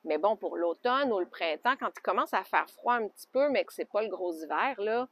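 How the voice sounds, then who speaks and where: A woman with a Québécois French accent chatting casually in a knitting podcast, homey and loose, with soft laughs. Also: mid-range voice, lively intonation, a little fast. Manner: chatty, homey, often laughs softly and adds little fillers. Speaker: knitting podcaster and alpaca farmer. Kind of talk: casual show-and-tell chat. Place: outdoors by an alpaca pen.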